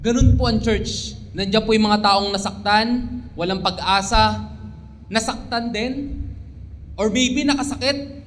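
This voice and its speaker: Young Filipino male preacher, earnest, high-pitched, recorded in a reverberant church hall with faint background hum. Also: fairly bright tone. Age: young adult. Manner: earnest, mixes English into his talk, pleading at times. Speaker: pastor. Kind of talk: sermon.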